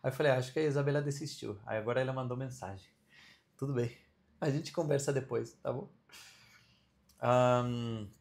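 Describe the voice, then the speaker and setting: Teaching Vedic studies and Ayurveda in an easygoing online class over video call, a man with a voice on the high side keeps checking in with those listening.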